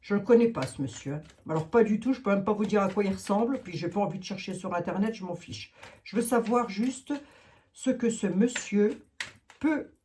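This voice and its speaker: A woman's voice: medium pitch, moderate pace, mellow, slight background noise. A woman giving a casual tarot reading to her viewers, thinking aloud with many fillers and asides. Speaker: tarot reader.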